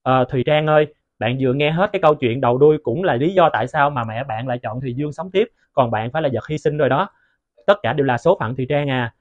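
A man playing a fast-talking student ghost hunter. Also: medium pitch, no room sound, close to an everyday voice. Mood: earnest. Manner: rapid, coaxing. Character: student ghost hunter guiding a spirit, earnest. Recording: tinny phone-like recording.

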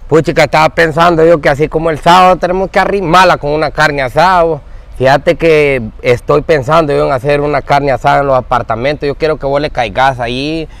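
Slangy man, higher voice. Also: steady tone, brisk, gravelly, fairly bright tone, no room sound. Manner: pleading, slangy banter. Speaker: comedy sketch actor. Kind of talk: comedy sketch acting.

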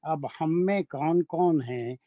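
A man teaching Quranic Arabic grammar in a classroom lecture, explaining slowly and deliberately with anecdotes. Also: on the high side, warm tone, dry recording, dull audio.

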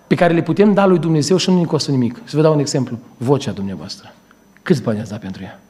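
A male preacher with a fairly high voice. He tells his sermon as a string of stories, jumping from loud raised phrases to low, quiet asides. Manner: animated, swings between loud raised lines and low asides. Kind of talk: sermon with storytelling.

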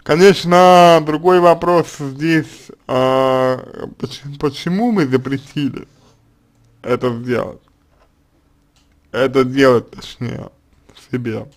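Slow, halting man. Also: medium pitch. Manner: halting and deliberate, many fillers and restarts. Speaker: psychologist answering a reader's letter. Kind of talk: slow consulting monologue.

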